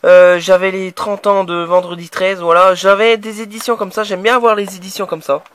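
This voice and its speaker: High-voiced French guy showing off DVDs. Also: little pitch movement, fairly quick, fairly bright tone, clean tone. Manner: hesitant, many restarts and fillers, enthusiastic. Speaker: horror DVD collector showing his purchases. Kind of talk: casual unboxing chat.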